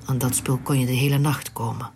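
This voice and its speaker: A narrator reading a literary story aloud in a hushed, unvoiced whisper, in a whispered storytelling style. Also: mid-range voice, little pitch movement, a little fast, gravelly, breathy edge.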